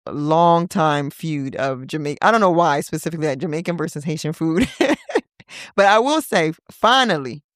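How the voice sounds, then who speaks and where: A woman in her thirties hosting a casual solo podcast, talking in a playful, chatty way with teasing asides and sudden high-pitched exclamations. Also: expressive, moderate pace, no room sound, studio quality. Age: 30s. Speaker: podcast host.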